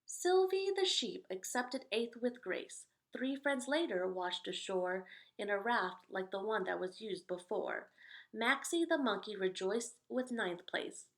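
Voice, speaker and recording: Her voice sits in the mid-range with a gravelly texture as she hosts a read-aloud of children's picture books. She reads the rhymes with expressive emphasis and chats informally in between.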